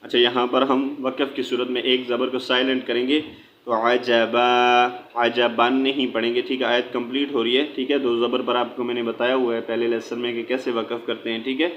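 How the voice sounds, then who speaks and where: A man teaching Quran recitation, spelling out each syllable slowly and then explaining in quick asides, often checking with "theek hai". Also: medium pitch, flat delivery, a bit bright, highs cut off, slight background noise. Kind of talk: slow spelled-out recitation lesson.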